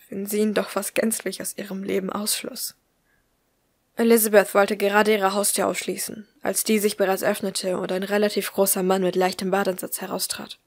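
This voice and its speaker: A woman reading a story aloud as an audiobook in a calm, even manner. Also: mid-range voice, no echo, studio quality. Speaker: audiobook reader. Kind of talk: scripted narration of fan fiction.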